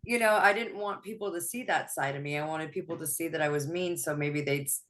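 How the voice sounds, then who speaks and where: Low-voiced woman guest on an interview, talks openly, laughs a lot, lots of restarts. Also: brisk. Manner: open, laughs often, soft-spoken with frequent restarts. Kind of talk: personal interview.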